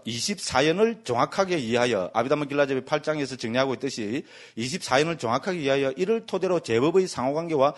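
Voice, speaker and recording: A man, a Buddhist monk, giving a jokey, animated lecture and keeps asking the class "right?". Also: medium pitch. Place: meditation center lecture hall.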